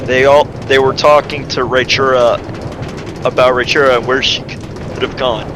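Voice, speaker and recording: A man with a medium-pitched, fairly even voice gives an amateur dramatic reading of a fan fiction story at normal speed, with faint background noise. He stumbles over the text and keeps breaking off into casual, exasperated asides.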